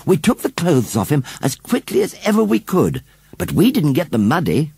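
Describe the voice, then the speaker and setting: A man's voice: wildly swooping pitch, gravelly, dark tone, husky, no room sound, full character voice. A man voicing an earnest, well-behaved young girl who pleads and scolds. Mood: pleading. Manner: pleading, high and quick.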